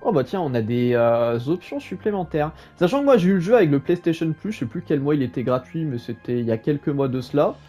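Casual male game commentator, soft warm tone, thinks out loud, light music underneath. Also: a little high, lively intonation, fast, hardly any pauses. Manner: musing aloud, informal. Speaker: gaming video host.

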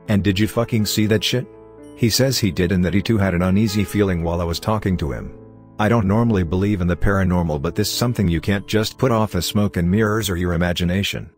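With soft music faintly underneath, a man whose voice is very deep narrates horror stories in a consistent, measured manner.

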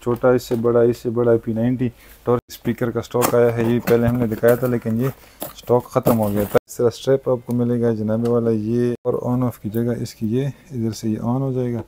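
Man, shopkeeper showing gadgets, salesman patter, mid-pitched voice, faint background noise. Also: level tone. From Pakistan. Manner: brisk salesman patter, frequent "thik hai" and "janab-e-wala". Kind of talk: product demonstration sales pitch. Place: shop in an indoor market.

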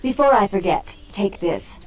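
A woman's voice: medium pitch, expressive, unhurried, slight background noise, natural voice, rough recording. An actress voicing a poised, haughty female vampire who runs a club, speaking formally in a video game.

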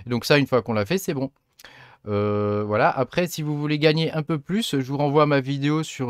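A man walking viewers through a computer setup in a relaxed, chatty way, with lots of fillers and small restarts. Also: medium pitch, no echo. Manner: relaxed, chatty, many fillers like "hein" and "euh". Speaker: tutorial host. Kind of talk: casual screen-recorded tutorial.

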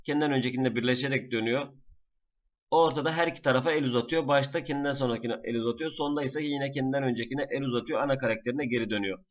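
A man teaching a class in a screen-recorded lesson, patiently naming each item slowly and repeating it. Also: mid-range voice, highs cut off. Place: at a computer.

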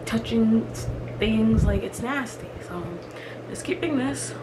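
A woman's voice: on the high side, slow pace, music in the background, poor audio. A young woman vlogging in casual chat, emphatic and chatty with lots of fillers, in a small room. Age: young adult. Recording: loud room ambience noise.

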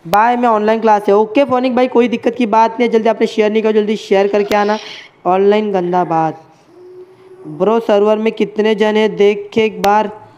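A man's voice: high-pitched, flat delivery, normal speed, darkish tone, slight background noise. A man streaming a game live, chatting casually with his viewers and friends. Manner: chatty, addresses chat and friends as bhai.

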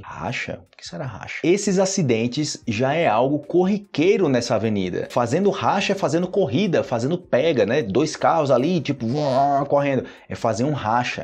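A young man with a Brazilian Portuguese accent, teaching a casual online language lesson and repeating words slowly to drill pronunciation. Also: on the high side, darkish tone, slightly rough.

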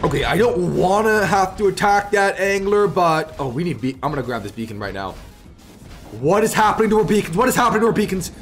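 A fairly high-voiced man commentates his game like a hyped gamer bro. He talks in excitable exclamations and repeated phrases, with music playing underneath. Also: fast. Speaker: gaming video host. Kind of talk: live gameplay commentary.

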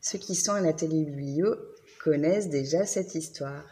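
A woman reading a picture book aloud to children as an expressive, friendly storyteller. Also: deep voice, moderate pace. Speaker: library workshop reader.

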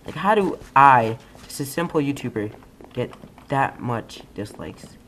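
A young man giving casual, rambling commentary over a game, trailing into mumbled asides and then suddenly yelling. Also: medium pitch, measured pace. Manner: rambling, excitable, swings between mumbling asides and sudden yells. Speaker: gaming YouTuber. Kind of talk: casual let's-play commentary.

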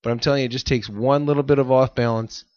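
A man's voice: mid-range voice, fairly even intonation, fast talker, darkish tone, dry recording. A man co-hosting a casual fitness podcast, rambling and laughing often. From United States. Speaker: podcast co-host. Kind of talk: casual chat. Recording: dull lo-fi audio.

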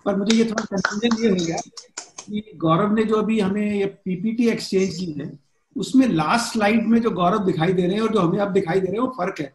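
A man's voice: high voice, very fast. A middle-aged man making casual comments in mixed Hindi and English. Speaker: webinar participant. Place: indoor room at home, video call. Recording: echoey room, faintly noisy video call.

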